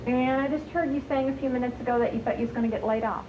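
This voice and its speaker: A woman's voice: steady tone, very fast. A woman skin care consultant giving an upbeat, chatty sales presentation at a home party, heard from a worn VHS tape copy. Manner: upbeat, chatty sales pitch with frequent laughs. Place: living room at a home party. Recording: hissy worn 90s home video tape.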